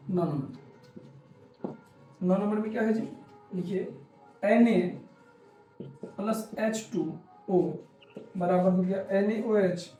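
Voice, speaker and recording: A man's voice: sits high, roomy sound. A man teaching a chemistry class, repeating his points and answering his own questions. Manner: repetitive, coaxing, asks questions and answers them himself. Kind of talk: classroom lecture.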